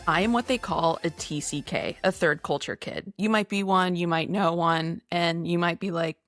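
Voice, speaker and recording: A woman's voice: fairly low pitch, a bit bright, soft background music. Chatty young woman podcast host. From grew up abroad in the Middle East. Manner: chatty, laughing, quick asides. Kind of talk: casual chat.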